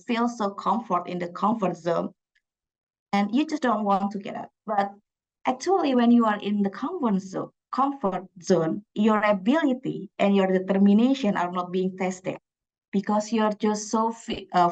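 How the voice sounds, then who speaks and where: The highs are cut off in this recording of a conference talk in a conference room by a young woman from Indonesia, a PhD student who speaks Javanese as her first language. Her mid-range voice carries an Indonesian accent, and she frequently restarts and uses fillers.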